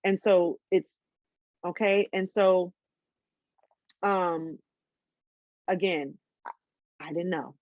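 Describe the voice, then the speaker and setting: A woman's voice: fairly low pitch, steady tone, slow, pauses often, darkish tone, no echo, muffled recording. A woman in her twenties telling a personal story in a casual interview, candid, with many ums and restarts. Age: 20s.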